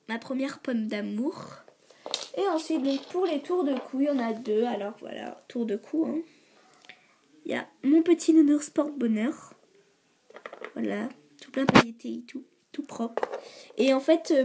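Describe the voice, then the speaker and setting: A teenage girl with a slightly hoarse voice casually shows off her clay creations, hesitating often with fillers and repeated words. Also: sits high, normal speed, background noise. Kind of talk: casual show-and-tell.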